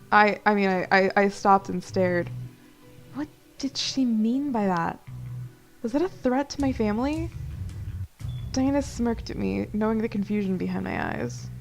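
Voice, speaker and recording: A young woman plays through a visual novel, reading the lines aloud and breaking into playful, swearing asides. Her voice has a gravelly fry at a middling pitch, with faint game music underneath. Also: measured pace, pauses often. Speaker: let's play host.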